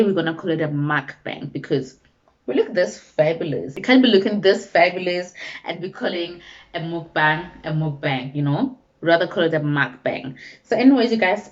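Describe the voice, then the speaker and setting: A woman's voice: lowish voice, muffled recording. A South African woman chatting casually to camera at home at night during a mukbang, calling her viewers pet names. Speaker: YouTuber.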